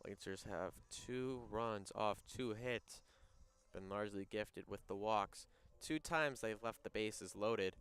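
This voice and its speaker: A young man doing play-by-play for a high school baseball game, bantering with his partner between pitches. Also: slow pace, a bit bright, clean tone. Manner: banters and teases his co-announcer. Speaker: play-by-play announcer.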